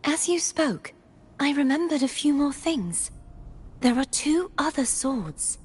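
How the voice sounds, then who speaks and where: A gentle, youthful holy maiden. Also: female voice, sits high, very animated, slow pace, soft background music, heavily acted. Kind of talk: video game dialogue.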